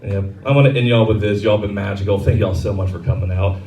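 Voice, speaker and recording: A man's voice: lowish voice, steady tone, quick pace. A man doing a crude, self-mocking stand-up set on a comedy club stage. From Texas. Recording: roomy club sound from a distance.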